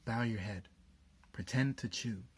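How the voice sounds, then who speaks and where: A man's voice: fairly low pitch, a little slow, husky. A man voicing a sensible, protective young boy who gives urgent instructions in a children's story read aloud.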